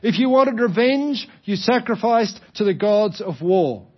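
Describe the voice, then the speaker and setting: Male preacher, Australian, high-pitched. Explanatory sermon delivery with emphatic repetition and rhetorical questions. Slightly muffled sound. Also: lively intonation, a little slow, husky. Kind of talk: sermon, explaining a parable to a congregation.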